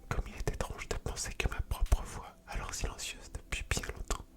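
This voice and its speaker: Whispering woman, soft ASMR library hush. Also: normal speed. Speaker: ASMR video creator and host. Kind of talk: whispered ASMR reading of an article with casual commentary.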